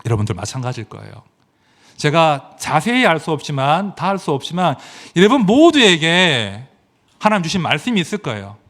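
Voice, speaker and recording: A middle-aged pastor preaches a sermon in a voice on the high side at normal speed. He is emphatic and animated, swinging between loud exclamations and quiet asides while putting rhetorical questions to the congregation.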